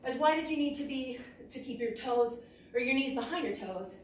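A woman's voice: sits high, moderate pace. A young woman instructing a kickboxing workout, calling out moves in clipped cues as she exercises. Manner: physically exerting while talking, in clipped cues. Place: large indoor martial arts gym with mats. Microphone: far camera across the room. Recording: echoey gym, distant mic, noisy.

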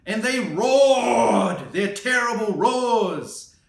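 Seated in an armchair indoors, a man slowly and expressively reads a children's picture book aloud for storytime, his fairly high, gravelly voice full of play. Between pages he adds cheerful asides and little laughs. A tripod camera a few feet away captures roomy, slightly distant sound.

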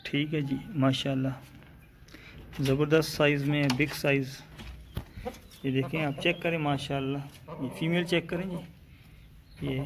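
A man's voice: fairly high pitch, creaky. A man, a poultry breeder hosting his channel, walking through a small chicken coop with a handheld phone. He talks casually and hesitantly, often adding "ji" and "mashallah". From Pakistan. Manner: repeats filler "ji" and "mashallah", hesitant pauses. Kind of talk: casual sales walkthrough video. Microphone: phone camera held while filming.

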